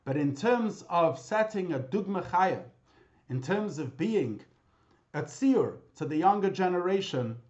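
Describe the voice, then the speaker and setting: A man, a rabbi, giving a memorial talk with lively storytelling, mixing in Hebrew and Yiddish terms, heard over a video call. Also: sits high, unhurried, lo-fi sound. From Britain.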